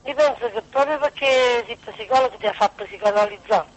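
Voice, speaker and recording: A woman's voice: fairly high pitch, a little fast. A woman with a Neapolitan accent on a phone call, answering with sceptical, dismissive dry retorts. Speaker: prank call recipient. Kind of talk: informal phone conversation. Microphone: telephone.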